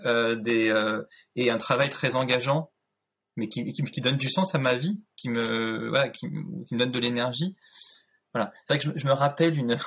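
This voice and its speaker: A man in his thirties talks as a guest over a video call from a room at home. His voice is husky and middle-pitched, and he speaks in a thoughtful way, full of fillers and restarts. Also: fairly bright tone. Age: 30s. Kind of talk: casual interview talk.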